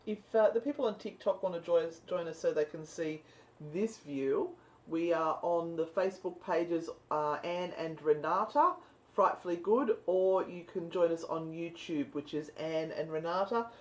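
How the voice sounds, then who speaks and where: A woman co-hosting a live spirit box stream chats casually and explains things to her viewers on this paranormal broadcast. Her voice sits on the low side with a darkish tone and a moderate pace.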